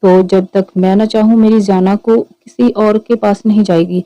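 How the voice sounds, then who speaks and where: A man's voice: sits high, flat delivery, moderate pace, dark tone, no echo, dull audio. A woman voicing a playful, possessive young man in love who teases his fiancée. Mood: teasing.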